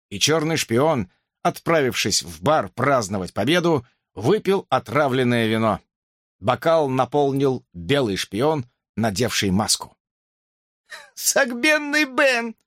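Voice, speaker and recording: A man reading a first-person audiobook in a lively, expressive storytelling manner. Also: mid-range voice, measured pace, no echo, studio quality. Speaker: audiobook narrator.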